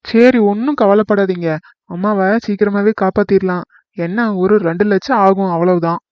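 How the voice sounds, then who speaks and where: A man's voice: high-pitched, fairly even intonation, normal speed, smooth, dry recording, dull audio, lightly acted. A man voicing a greedy village doctor in a cartoon comedy, who sounds reassuring but keeps steering toward the money. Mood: smooth.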